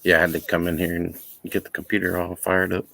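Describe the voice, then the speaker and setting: A man's voice: low-pitched, little pitch movement, fast, gravelly, fairly bright tone. A man joining a live stream as a guest, chatting in a laid-back way. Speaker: guest caller. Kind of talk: casual chat.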